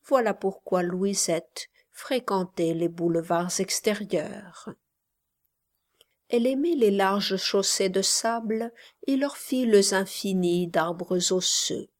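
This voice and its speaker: A woman narrating a literary story in a slow, measured voice that at times drops almost to a whisper. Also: medium pitch.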